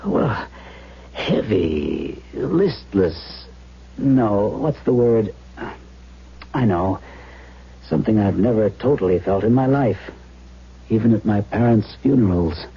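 An actor playing a practical, brooding man in a haunted-house radio drama, halting as he finds words. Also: fairly low pitch, lively intonation, gravelly, slightly rough, full character voice. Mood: heavy, sorrowful. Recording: dull old radio broadcast.

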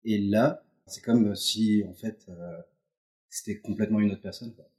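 A man's voice: lowish voice, fairly even intonation, a little slow, darkish tone. A man in his thirties, a guest telling stories loosely with lots of fillers, in a home setting. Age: 30s. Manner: loose, filler-heavy storytelling. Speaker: interview guest. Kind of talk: casual chat. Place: couple's apartment.

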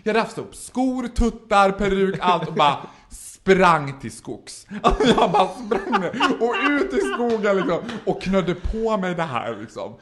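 A man's voice: sits high, big pitch swings, few pauses, fairly bright tone. A man telling a wild anecdote in casual chat, acting out the voices and laughing often. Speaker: podcast guest.

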